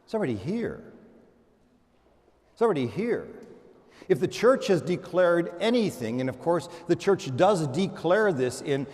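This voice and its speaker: A male priest delivers a sermon in a slightly high, sing-song, somewhat mellow voice, unhurried and pausing often. He's emphatic, using rhetorical repetition. The recording is in a large echoing church hall with long reverb.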